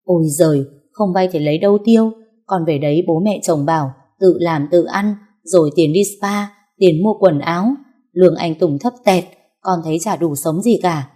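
A woman's voice: lowish voice, moderate pace, mellow, lightly acted. A woman voicing a spoiled, scheming young wife who gossips and complains in a giggly way. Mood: gossipy.

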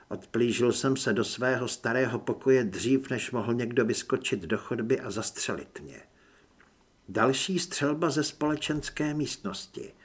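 A man reading a first-person action audiobook in a steady, measured way, with a husky voice. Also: medium pitch. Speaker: audiobook narrator.

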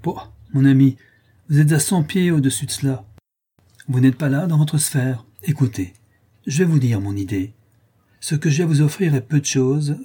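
A man voicing a quick-talking, smooth middle-aged financial agent who flatters as he persuades, in an audiobook. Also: mid-range voice, natural voice. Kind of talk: audiobook character voice.

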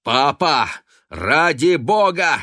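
A man's voice: lowish voice, measured pace, no room sound, studio quality. A man voicing an exasperated young man who sharply scolds his father, in an audiobook reading. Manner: shouting, sharp.

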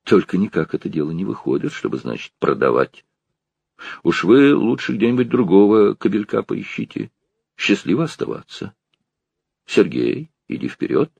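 A man reading an audiobook, voicing a proud, gruff old male organ-grinder who talks with grumbling dignity. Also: on the low side, big pitch swings, moderate pace, a little mellow, no room sound, full character voice.

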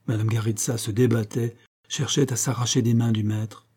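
A man reading a novel aloud as an audiobook, telling the story in a measured, even way. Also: medium pitch, slightly rough. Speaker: audiobook reader. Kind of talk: scripted narration of a novel.

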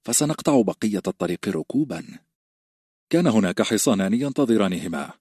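A man narrates a fantasy novel in a steady, measured read. His voice sits low with a breathy, husky grain. The mic is close and the room is dead dry. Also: no echo. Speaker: audiobook narrator. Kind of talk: scripted audiobook narration.

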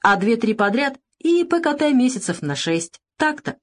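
A woman's voice: on the high side, very animated, moderate pace, voice pushed up. A woman reading the lines of a streetwise male convict who lectures his cellmate with a wary, worldly manner. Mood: instructive. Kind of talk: audiobook character reading.

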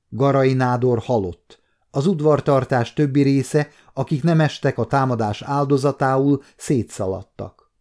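Mellow-voiced man in his fifties narrating. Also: mid-range voice. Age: 50s. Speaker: audiobook reader. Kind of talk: scripted audiobook narration.

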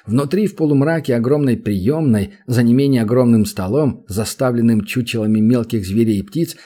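A man narrating a fantasy audiobook in an even storytelling manner. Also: mid-range voice, normal speed.

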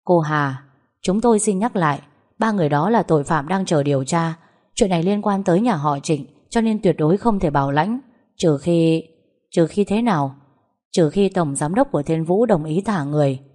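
A woman's voice: lowish voice, animated, normal speed, dark tone. A woman voicing a firm police officer who warns in a formal, stern tone.

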